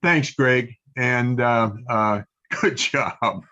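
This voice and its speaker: An older man leads a club meeting and reads out the news and dates in an average-pitched voice, full of ums and uhs. The sound is a little dull and lo-fi. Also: sharp tone. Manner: halting, many ums and uhs. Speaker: meeting host.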